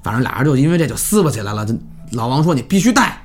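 A man telling a horror story in casual chat, animated and swearing freely. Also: racing, soft background music. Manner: animated, jumps pitch for drama, swears casually.

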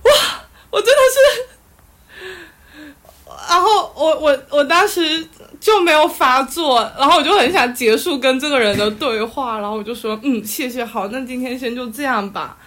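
A woman with a somewhat high voice tells a story on a live audio-chat show. She gets animated and exasperated and laughs through the telling. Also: normal speed, hardly any pauses. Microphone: live audio chat app.

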